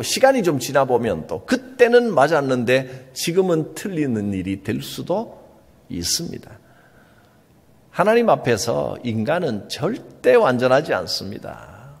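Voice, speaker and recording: A male pastor with a Gyeongsang Korean accent, preaching an earnest, emphatic sermon with soft asides. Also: mid-range voice, husky, long reverb tail. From Gyeongsang region, Korea.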